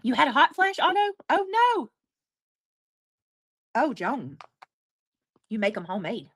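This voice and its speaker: A woman's voice: fairly high pitch, very animated, normal speed, a bit bright, no echo, clean studio sound. A woman, chatting casually on a livestream and reading out viewers' comments with a teasing, talkative manner. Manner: chatty, teasing, chewing while talking. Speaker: livestream host.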